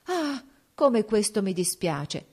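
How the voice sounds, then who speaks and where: A woman's voice: on the low side, expressive, normal speed, darkish tone. A woman reading an audiobook, voicing an anxious, tearful young princess with a pleading, shaken manner. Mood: dismayed.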